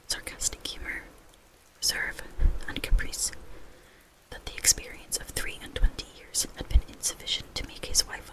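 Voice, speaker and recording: A whispering reader narrating a classic novel in a breathy, unvoiced ASMR whisper. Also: rough recording.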